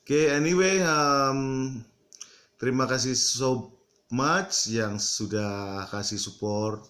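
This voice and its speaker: A middle-aged man from East Java talking casually to his viewers, halting often with fillers and slipping into English. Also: medium pitch, fairly bright tone. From East Java, Indonesia. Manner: halting, many fillers, mixes English into Indonesian. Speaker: vlogger. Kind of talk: casual talk to camera.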